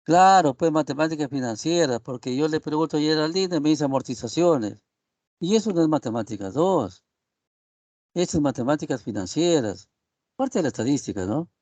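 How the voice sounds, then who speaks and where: A man's voice: fairly high pitch, lively intonation, moderate pace, darkish tone, dry recording. A male professor giving an online class on a video call, rambling and leaning on tag questions as he addresses his students. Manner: addresses students as "estimados alumnos". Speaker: university professor.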